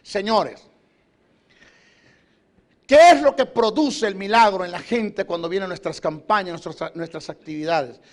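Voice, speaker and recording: High-voiced man preaching emphatically. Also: unhurried, long pauses. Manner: emphatic, repeating phrases in rising exhortation. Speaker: preacher and Bible teacher. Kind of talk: sermon teaching.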